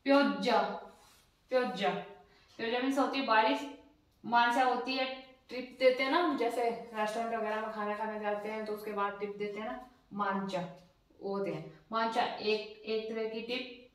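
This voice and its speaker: A woman's voice: fairly high pitch, fairly even intonation, normal speed, far from the mic. A woman teaching a language lesson, patiently repeating each example word. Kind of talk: explaining a lesson. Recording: very echoey room, voice off-mic.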